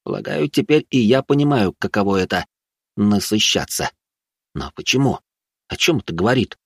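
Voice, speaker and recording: A man's voice: fairly low pitch, animated, moderate pace, vocal fry, slightly rough, no room sound. A man narrating an audiobook in the first person with dry, sardonic storytelling.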